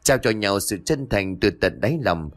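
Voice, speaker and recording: A man narrating a ghost story in a dramatic, expressive way. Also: lowish voice, normal speed, soft background music.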